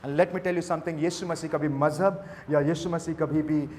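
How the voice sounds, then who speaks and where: A male pastor, preaching an animated sermon that mixes Hindi and English and acts out little scenes. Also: a little high, unhurried, slight background noise. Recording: reverberant hall.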